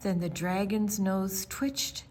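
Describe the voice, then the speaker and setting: A slight hiss or hum sits under this woman's mid-range voice as she reads a rhyming children's picture book. She gives it an expressive, theatrical storytime treatment with dramatic pauses and emphasis.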